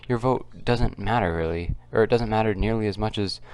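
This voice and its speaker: Male video commentator, deep and fry-heavy, quiet subdued delivery, casual and unscripted, halting. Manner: kept quiet, subdued because others are nearby. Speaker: political commentary video host. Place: at home, others nearby.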